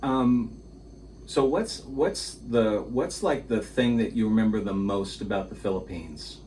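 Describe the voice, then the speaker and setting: A man hosting an interview podcast, asking friendly, halting questions. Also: fairly low pitch, warm tone, far from the mic, a little hiss or hum. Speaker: podcast host.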